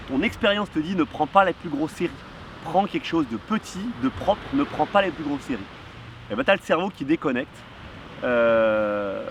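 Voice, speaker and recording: Animated man telling a story. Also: on the high side, slight background noise. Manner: lively, animated, heavy on fillers. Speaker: kitesurf vlogger. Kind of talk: casual storytelling to camera. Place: outdoors near a surf spot.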